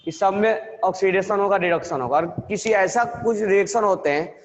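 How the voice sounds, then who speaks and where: Man, chemistry teacher, mix, repeats key words slowly, quizzes students, high voice, hall reverb. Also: muffled recording. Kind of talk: classroom lecture.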